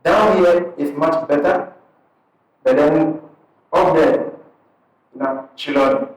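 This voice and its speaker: Speaking in a heavily echoing hall, far from the mic, a Ghanaian man who serves as imam and parish missionary addresses an audience at a community event. His slightly high voice stays conversational and unhurried, breaking phrases into short pieces.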